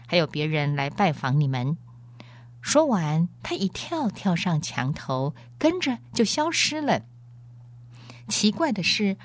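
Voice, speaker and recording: A woman narrating a storybook in an expressive, dramatic way. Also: deep voice. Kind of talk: storybook reading.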